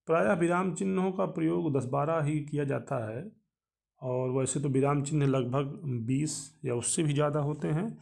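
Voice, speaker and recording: A man explaining grammar rules, his voice rather high for a man and gravelly with fry. He lectures in a measured, step-by-step way, pausing often between phrases. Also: a little mellow. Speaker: teacher. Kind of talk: Hindi grammar lesson.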